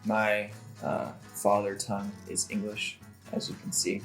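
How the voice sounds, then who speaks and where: A man in his twenties from the United States, chatting casually in an animated way with fillers as a guest. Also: fairly low pitch, a little slow, creaky, faint music behind. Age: 20s. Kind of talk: casual discussion.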